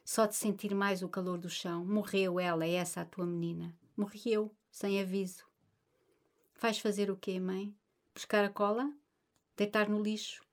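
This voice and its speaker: A woman's voice: mid-range voice, little pitch movement, normal speed, natural voice. A woman doing a volatile young daughter. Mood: anguished. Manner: pleading, rising to anguished outbursts.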